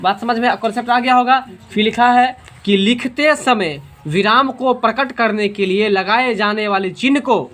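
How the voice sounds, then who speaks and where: A woman teaching a grammar lesson in a classroom, patient and full of questions for her students. She slows down to spell out each example sentence. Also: a little high, a bit bright.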